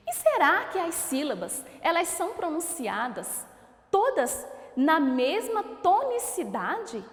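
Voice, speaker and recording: Woman teacher, high voice, very lively pitch, drawn-out sing-song example words, roomy echo with long reverb. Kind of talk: recorded school lesson. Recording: echoey room with long reverb.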